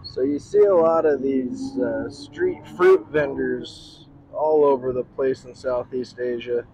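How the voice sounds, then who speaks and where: On a city street at night, with traffic and street sounds clearly audible, a middle-aged man hosts a food vlog. He talks about the food casually and enthusiastically, in plain language. His voice is mid-range and his pace slow.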